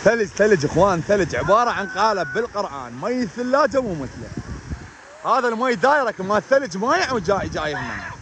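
A man in his thirties with an Iraqi Arabic accent, exclaiming excitedly as he vlogs casually while standing in ice cold water. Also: high-pitched. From Iraq. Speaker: vlogger. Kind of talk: casual selfie vlog. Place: outdoors, in a lake beside a fountain. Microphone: phone at arm's length. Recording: noisy outdoor phone audio, rushing water.

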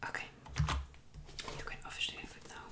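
A young woman doing a whispered role-play as a helpful librarian, in a soft, polite, unhurried library whisper with hesitant pauses. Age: young adult. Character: helpful, chatty young librarian serving a visitor. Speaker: ASMR creator playing a librarian. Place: small indoor room at home. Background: computer keyboard typing.

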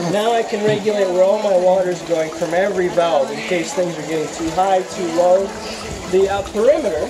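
A middle-aged man giving a casual outdoor tour of his fish farm, talking haltingly with many fillers and restarts. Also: high voice, a crowd in the background, poor audio. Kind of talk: casual walking tour explanation. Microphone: handheld camera nearby. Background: loud music added over the talk.

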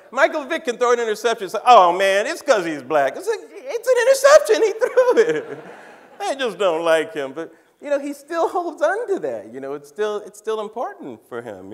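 A man in his fifties talks on a large theater stage, his fairly high voice swooping up and down as he teases the audience. He is wry and conversational and laughs at his own jokes. The sound comes from a stage mic. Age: 50s. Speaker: comedian and cultural commentator. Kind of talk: stand-up style talk on stage.

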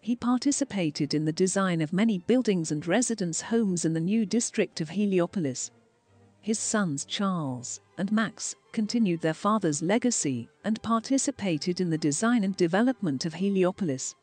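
A woman reading scripted documentary narration for a walking tour, steady and phrase by phrase. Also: fairly low pitch, moderate pace, faint music behind.

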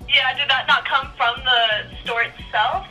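A woman's voice: sits high, measured pace, bright, forceful tone, soft background music. A woman working at a store, patiently explaining things over a speakerphone in casual customer service talk. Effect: phone speaker. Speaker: store employee answering phone. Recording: phone call heard through speakerphone.

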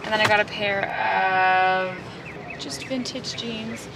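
A woman's voice: medium pitch, steady tone, takes it slowly. A young woman in her twenties narrating a casual travel vlog, chatty and upbeat, recorded on a handheld camera. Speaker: vlogger. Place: outdoors and in busy restaurants and bars. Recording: loud crowd and street noise.

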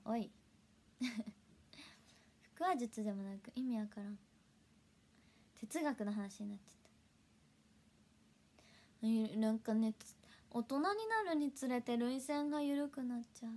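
A young woman with a chats casually to her livestream viewers. She speaks with a fairly high voice, giggling often and sometimes dropping into a soft whisper. She sounds close to the mic. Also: normal speed, long pauses. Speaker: idol livestream host.

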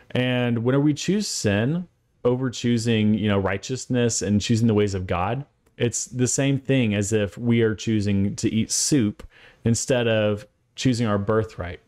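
A man's voice: on the low side, a little mellow. A man telling a personal faith story to his viewers in an earnest, conversational way, sometimes acting out his own reactions. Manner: earnest, conversational, with acted asides.

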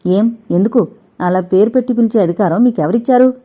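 A woman voicing a defiant young woman who answers with sharp, scornful retorts, read in an audiobook with a dull, lo-fi sound. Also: mid-range voice, brisk, lightly acted. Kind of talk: audiobook character reading. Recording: dull lo-fi recording.

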